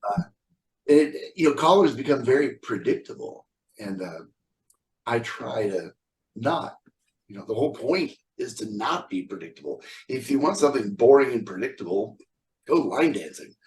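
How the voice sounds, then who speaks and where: A middle-aged man of average pitch talks casually, with blunt opinions and wisecracks. He sits a little back from the microphone, so his voice sounds slightly distant. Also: animated, normal speed. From California. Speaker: square dance caller, guest. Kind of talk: casual interview chat.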